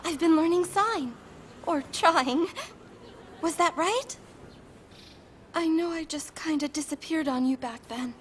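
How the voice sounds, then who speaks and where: A woman's voice: very high-pitched, slow, pauses often. A woman playing a caring, apologetic, self-conscious teenage girl in an anime dub, with ambient noise behind. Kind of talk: English anime film dub.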